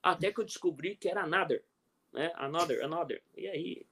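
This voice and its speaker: Crowd noise surrounds a middle-aged Brazilian guest coach as he talks briskly in a voice on the high side. In this casual interview he shares animated stories with a Brazilian Portuguese accent, chuckling and frequently checking with "entendeu?"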